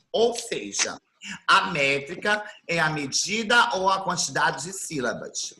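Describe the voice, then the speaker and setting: Bright-voiced man teaching over a video call. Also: on the high side. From Brazil. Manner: slow, didactic, repeats definitions. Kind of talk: online class lecture. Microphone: computer mic on video call.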